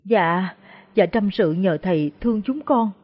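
A woman's voice: medium pitch, expressive, measured pace, darkish tone. A woman voicing a frightened, humble peasant woman who stammers deferentially. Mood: anxious pleading. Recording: dull lo-fi recording.

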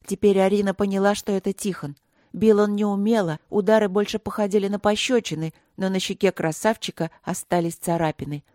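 A woman narrating an audiobook with steady, even storytelling. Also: mid-range voice, brisk, no room sound, clean studio sound. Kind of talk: audiobook reading.

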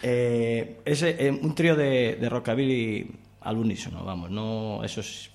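A man's voice: medium pitch, unhurried, gravelly, darkish tone. A man, a guest on a radio show, chatting enthusiastically about the festival he helps organize, with many restarts. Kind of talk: radio interview chat. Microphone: studio radio mic.

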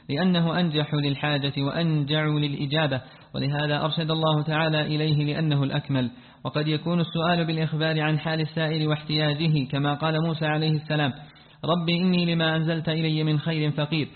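A man reading a classical text aloud to his teacher, rushing and restarting when he stumbles over words. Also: on the high side, a little hiss or hum. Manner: rapid reading with frequent restarts after stumbles. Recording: tinny phone-like sound with a long hall reverb.

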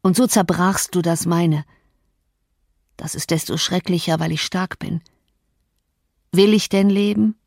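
A woman's voice: lowish voice, steady tone, a little slow, long pauses, a little mellow, dry recording, clean studio sound. A woman reading the lines of a brooding, bitter man torn by love, in an intense, reproachful tone.

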